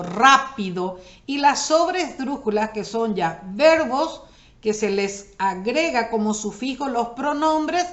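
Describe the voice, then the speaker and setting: A woman teaching a recorded grammar lesson, explaining step by step, asking questions and answering them herself, and slowing down to spell out example words. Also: on the high side. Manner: explanatory, asks and answers her own questions.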